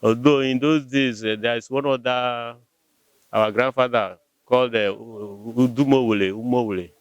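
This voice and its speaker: A Nigerian man from Rivers State, a local community member, gives conversational interview answers about his community, hesitant and often repeating words while explaining patiently. His mid-range voice is clean with fairly even intonation and moderate pace, with no room sound and the highs cut off.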